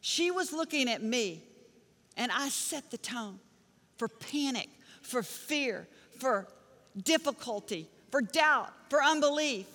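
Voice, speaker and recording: Bright-voiced woman preaching in a hall. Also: sits high, animated, takes it slowly. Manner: emphatic, storytelling preaching with punchy repeated phrases. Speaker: pastor. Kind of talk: sermon. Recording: long reverb of a large hall.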